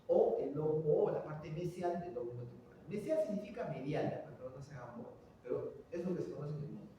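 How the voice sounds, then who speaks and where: A middle-aged man giving a classroom lecture, animated and quizzing his students with rhetorical questions. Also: high-pitched, slight background noise. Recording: echoey hall, voice from far off.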